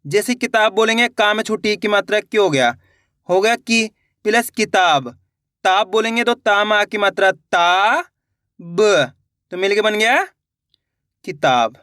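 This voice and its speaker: Male teacher for a spelling lesson; high, crisp voice; repeats and quizzes; dry room. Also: pushed and bright, no echo. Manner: repeats each word slowly, quizzing viewers.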